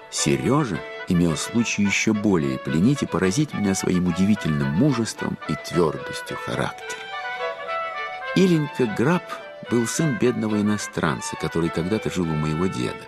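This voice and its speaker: An actor playing a grown man wistfully recalling his boyhood, in reflective, measured literary narration. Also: sits low, sing-song, music in the background.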